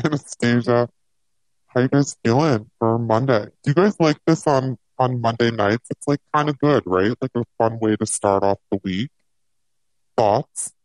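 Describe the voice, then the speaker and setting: A pitch-lowering voice changer gives this host a deep robotic sound, a little mellow, as they chat casually and cheerfully in a live audio interview, using plenty of fillers. The recording is rough and has no room sound.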